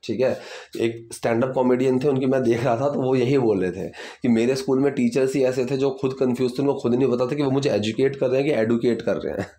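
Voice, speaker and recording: Indian-accented male teacher explaining grammar, self-questioning, slows down for English examples. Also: mid-range voice, fairly even intonation, mellow. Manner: breaks sentences into parts, asks and answers his own questions; reads English examples slowly and deliberately.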